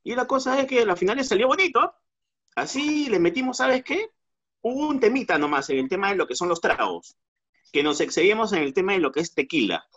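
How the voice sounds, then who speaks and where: A man's voice: sits high, big pitch swings, a little fast, a bit bright. A man telling a drinking story in casual chat, slangy and repeating words for effect. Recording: dull lo-fi sound.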